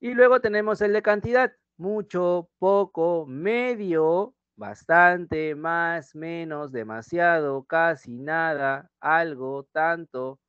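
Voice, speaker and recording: Peruvian male teacher, slightly high voice. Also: clean tone, dry recording. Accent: Peruvian Spanish. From Peru. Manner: reads example sentences slowly and loudly, then quiet asides. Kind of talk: online grammar class. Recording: dull dry lo-fi sound.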